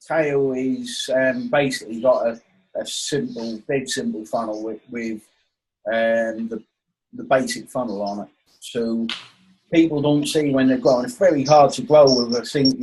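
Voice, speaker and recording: Male, Norfolk East Anglian accent, mid-pitched, webinar coach, informal and matey. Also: a little mellow, low-quality recording. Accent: Norfolk, East Anglian English. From Norfolk, England. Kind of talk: informal online coaching session with questions. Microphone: online webinar call.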